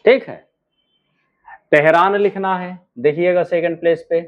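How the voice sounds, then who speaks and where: A man's voice: high voice, fairly even intonation. A man teaching shorthand outlines word by word. He stretches out each word and keeps checking with "ठीक है" and "है ना". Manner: slow, drawn-out words, frequent "ठीक है" and "है ना" checks. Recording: narrow phone-like sound.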